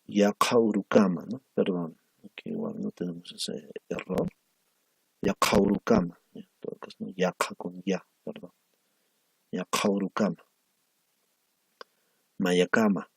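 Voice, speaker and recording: Slow, deep, gravelly male teacher. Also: steady tone, no room sound, rough recording. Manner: slow and patient, drilling word pairs with a tag "¿no?". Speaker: Aymara language teacher. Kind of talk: recorded online language lesson.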